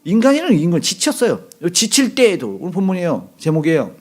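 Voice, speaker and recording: A middle-aged male pastor giving a conversational sermon, asking the congregation questions and acting out quoted lines with sudden loud bursts. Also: high voice, huge pitch swings, fast.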